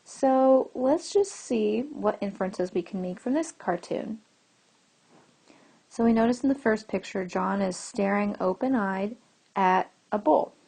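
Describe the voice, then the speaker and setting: A woman's voice: medium pitch, expressive, measured pace, vocal fry, dark tone, husky. A woman teacher giving a recorded lesson to children, explaining patiently and asking the class questions as she goes.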